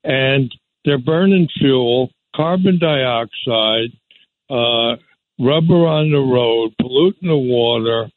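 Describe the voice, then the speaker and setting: A man's voice: medium pitch, slow pace, dry recording. A man calling in to a radio show over the phone, listing complaints in short bursts. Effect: calling in over a phone line. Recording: dry tinny phone line.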